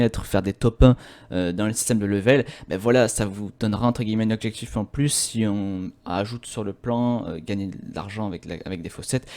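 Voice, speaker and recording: A young man from France talks through a website in a loose, colloquial YouTube walkthrough. His voice sits a little low, and his relaxed delivery is full of slang, as if chatting with viewers at his desk. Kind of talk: casual screen-recording walkthrough.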